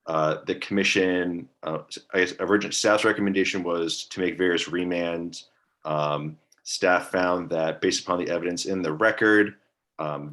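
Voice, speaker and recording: A man giving a hesitant, monotone staff briefing at a public meeting over a video call, filling pauses with um. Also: low-pitched. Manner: monotone, hesitant with many ums. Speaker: staff attorney at a commission meeting.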